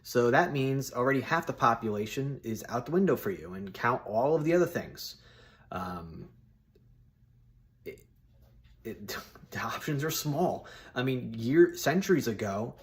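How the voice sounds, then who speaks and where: With a mid-range voice and lively intonation, this thirty-something solo host gives his opinions at a measured pace. His phrasing is informal, blunt, and friendly, as if he's chatting with pals.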